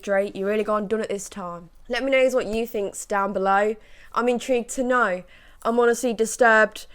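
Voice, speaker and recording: A woman's voice: medium pitch, a bit bright. A young woman giving emotional reaction commentary, upset and swearing often as she rants. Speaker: YouTube commentator.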